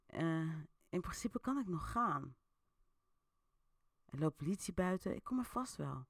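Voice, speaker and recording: A woman doing a hushed, uneasy inner voice. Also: fairly low pitch, big pitch swings, unhurried, no echo, clean studio sound, heavily acted. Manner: hushed, hesitant.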